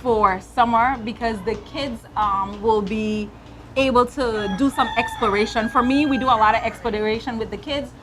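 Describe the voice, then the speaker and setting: A woman in her thirties hosting a lively talk show, bubbly and quick to laugh. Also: on the high side, over music. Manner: bubbly, laughs often, enthusiastic.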